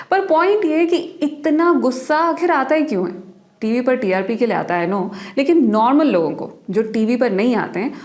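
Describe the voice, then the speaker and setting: A woman's voice: on the high side, a little mellow, no room sound. A woman hosting a health explainer series, talking straight to viewers in a chatty, playful way. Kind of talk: conversational science explainer.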